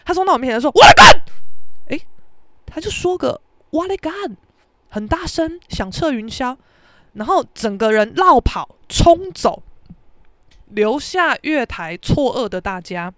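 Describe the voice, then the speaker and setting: A woman hosting a podcast, speaking with a Taiwanese Mandarin accent, tells a story in a casual monologue that's brash, profane and dramatic, yelling the quotes she reenacts. Her high-pitched voice is very animated but kept to a measured pace, with no room sound.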